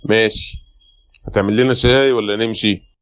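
A man's voice: fairly low pitch, steady tone, fairly quick, fairly bright tone, lightly acted. An actor playing a blunt, sceptical male Egyptian police brigadier in a radio play, insistent and dismissive. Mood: pressing. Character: brusque, sceptical male police brigadier, pressing his case. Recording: dull lo-fi audio.

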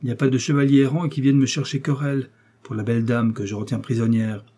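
A cold, sardonic English nobleman, read by a man in a mellow, husky voice. He needles and threatens with unhurried, icy courtesy. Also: mid-range voice, level tone, natural voice. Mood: menacing. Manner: sardonic, coolly menacing. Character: cold, mocking English lord, middle-aged.

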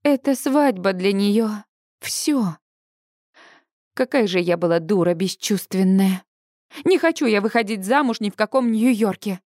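A young woman narrating a novel in the first person with a lively, expressive reading. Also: mid-range voice, unhurried, no room sound, studio quality. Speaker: audiobook narrator.

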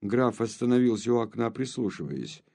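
A man narrating a classic novel as an audiobook in a measured, unhurried reading. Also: mid-range voice, lively intonation, vocal fry, warm tone. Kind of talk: scripted literary narration.

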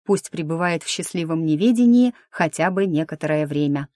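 A woman's voice: deep voice, animated, fairly quick, dark tone, no echo, studio quality. A woman narrating a fantasy novel in the first person, wry and lightly ironic. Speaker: audiobook narrator.

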